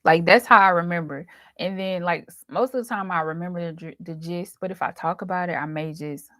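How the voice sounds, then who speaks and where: Hosting a casual chat for viewers, a dream interpreter tells stories in informal, colloquial speech. Her voice is fairly low with a fairly bright tone, and she talks fairly quickly. The sound is dry, with no room in it.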